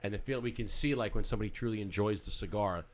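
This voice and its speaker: A man's voice: lowish voice, fast. A man hosting a podcast, chatting casually and earnestly encouraging his guest. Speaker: podcast host. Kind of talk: casual conversation.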